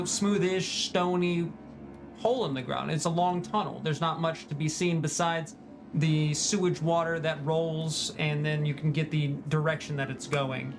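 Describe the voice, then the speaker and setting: A man running a tabletop game as game master, describing scenes with frequent restarts and fillers. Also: a little high.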